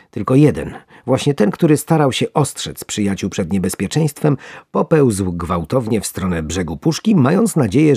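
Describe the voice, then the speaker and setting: Husky, gravelly male storyteller. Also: medium pitch, no room sound, clean studio sound. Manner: lively expressive reading. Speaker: narrator. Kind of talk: storybook narration.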